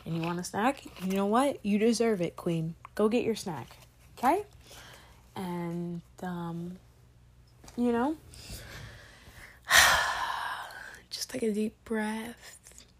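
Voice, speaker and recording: A teenage girl hosts her podcast solo, chatting loosely and losing her thread. She leans on "like" and "you know" and wanders between thoughts. Her pitch sits in the middle for a woman. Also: unhurried, a little mellow, a little hiss or hum. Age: late teens. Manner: chatty, scattered, full of "like" and trailing tangents. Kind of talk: rambling casual podcast monologue.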